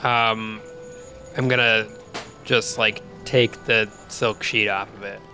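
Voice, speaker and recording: Guy player in a tabletop game, bright voice, casual, bit hesitant. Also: lowish voice, steady tone, slow, soft background music.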